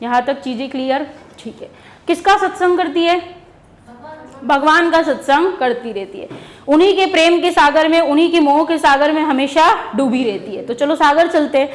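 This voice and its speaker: A woman's voice: high voice, moderate pace. A woman teacher giving an exam-prep lesson, asking questions and answering them herself while repeating key words. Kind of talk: exam-prep lesson using memory stories.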